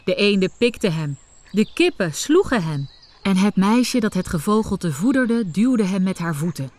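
A woman telling a fairy tale in scripted storybook narration, expressive, with dramatic jumps in pitch. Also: normal speed.

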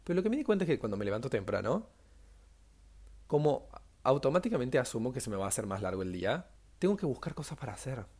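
A young man with a Rioplatense Spanish accent, hosting a casual solo podcast, chatty and self-mocking, with sudden jumps up in pitch. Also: sing-song, quick pace, a little mellow, slightly rough. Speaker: podcast host.

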